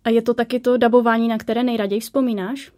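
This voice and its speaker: A woman's voice: on the high side, fairly even intonation, darkish tone. A woman hosting an interview in a chatty, joking manner. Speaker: host. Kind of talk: interview chat.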